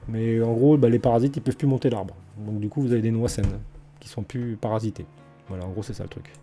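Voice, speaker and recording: A man's voice: fairly low pitch, steady tone, fast, dark tone, soft background music. A man in a casual garden vlog, talking colloquially with many hesitations and restarts, and blunt, enthusiastic opinions. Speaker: vlogger talking about his garden.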